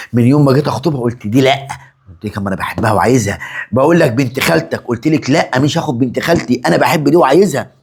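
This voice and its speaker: A man playing an earnest Egyptian husband and son in a web drama skit. He talks very fast in a somewhat low, husky voice. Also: a little mellow. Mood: reproachful. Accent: Egyptian Arabic. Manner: earnest, pleading, emphatic. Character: devoted husband and pleading son, adult.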